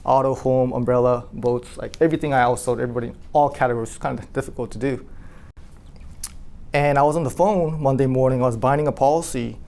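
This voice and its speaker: A man speaks to his sales team in an easygoing, animated way, leaning on "like" and putting questions to the room. His voice sits at a middle pitch, neither high nor low. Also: fast talker, gravelly. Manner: animated, asks the room questions, many "like" fillers. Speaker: insurance agency owner addressing his team. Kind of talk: storytelling team talk.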